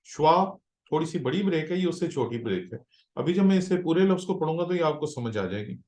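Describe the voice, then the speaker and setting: A male pastor teaching Biblical Hebrew in a slow classroom lecture, patiently repeating words syllable by syllable. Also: fairly high pitch, expressive, a little mellow. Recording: roomy echo.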